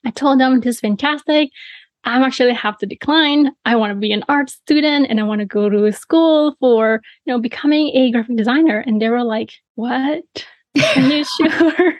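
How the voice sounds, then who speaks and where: A young adult woman from Bali telling her story as a podcast guest, animated, often adding "you know" and "right". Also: high voice, normal speed, no room sound. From Bali, Indonesia. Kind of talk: casual interview storytelling.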